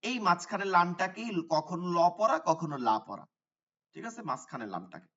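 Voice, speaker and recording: A man teaching a Quran recitation class online, explaining letter sounds and drawing out the recitation examples slowly. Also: high voice, very animated, bright, forceful tone. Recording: dull sound from away from the mic.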